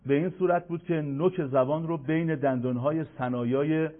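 A man gives a radio lesson on recitation, walking through each point step by step. He stretches out syllables to show how they should sound, in a somewhat high voice that comes through a narrow, phone-like broadcast line. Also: steady tone. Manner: explains step by step, stretches out sounds to demonstrate them. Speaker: Quran recitation teacher.

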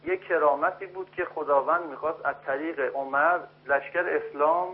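A man's voice: on the high side, fairly even intonation, breathy edge. A man calling in to a broadcast, arguing insistently and interrupting as he presses his point. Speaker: phone-in caller. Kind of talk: heated call-in debate. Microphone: phone. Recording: telephone line.

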